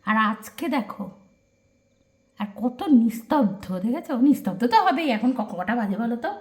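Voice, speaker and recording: A woman from West Bengal chats straight to her viewers in a casual home vlog. Her voice sits high, and she sounds middle-aged. Her talk is loose and friendly, full of asides to the people watching. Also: lively intonation, normal speed, a little mellow. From West Bengal, India. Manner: chatty, addresses viewers directly. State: out of breath. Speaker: vlogger.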